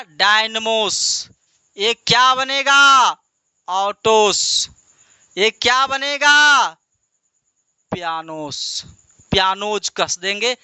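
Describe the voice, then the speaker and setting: High-voiced man teaching grammar. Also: sharp tone, clean tone, no echo. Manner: asks questions and answers them himself, repeats key words. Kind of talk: classroom lesson.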